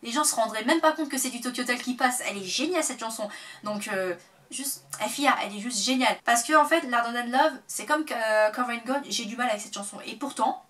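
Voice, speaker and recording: A woman chatting casually to camera as a vlogger, full of fillers and sudden excited bursts. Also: a little high, brisk, distant mic.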